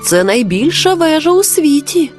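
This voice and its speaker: A woman voicing a gentle magic talking seashell, with a thin, melodic voice and a calm, dreamy manner, in a storybook. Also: high-pitched, moderate pace, faint music behind.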